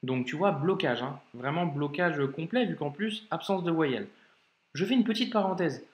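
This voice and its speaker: A man teaching a video lesson in a patient, informal way, talking straight to the learner and drawing out example words slowly. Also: a little high, lively intonation. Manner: slow, drawn-out modeling of example words. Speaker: Arabic reading teacher. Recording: echoey room.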